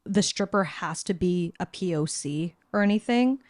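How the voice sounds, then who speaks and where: A woman's voice: lowish voice, lively intonation, normal speed, a little mellow, dry recording, studio quality. Chatty woman co-host, full of fillers. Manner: chatty, filler-heavy, trails off. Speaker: podcast co-host. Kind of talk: casual podcast chat.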